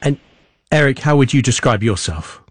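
A man hosting an interview, introducing guests and asking measured questions. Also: mid-range voice, lively intonation, husky, no echo. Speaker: interviewer, host. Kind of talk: broadcast interview.

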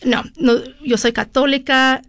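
A middle-aged lawyer from California, appearing as an interview guest, tells her story chattily with frequent fillers and switches into English. Her voice is high-pitched and fairly bright, a little slow, with fairly even intonation.

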